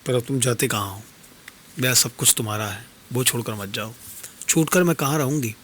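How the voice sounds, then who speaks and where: A heartbroken young queen, as a male storyteller puts her on pleads and laments in ornate, formal speech, her pitch sitting in the middle range. It is a dastangoi performance recorded in a radio studio. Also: brisk, a bit bright, slight background noise, natural voice. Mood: pleading. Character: grieving young queen pleading with departing lover.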